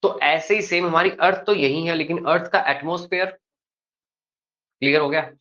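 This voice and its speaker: This male teacher's voice sits on the high side and sounds bright and forward as he lectures at an even, unhurried pace. He keeps checking that the class follows along, and the lo-fi recording is muffled.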